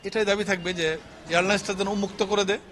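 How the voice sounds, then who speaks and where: Earnest Bangladeshi man, slightly high voice. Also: little pitch movement, very fast, a bit bright, slight background noise. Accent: Bangladeshi Bengali. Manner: earnest, explanatory, lists details methodically. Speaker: hajj travel agency owner. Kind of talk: on-camera news interview statement. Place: workshop venue, indoors.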